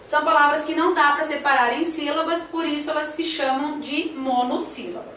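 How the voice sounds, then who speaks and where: A woman's voice: high voice, fairly even intonation, a little fast, fairly bright tone, reverberant, far from the mic, a little hiss or hum. A woman teacher talking through a classroom lesson plan, hesitant, with many fillers and tag questions.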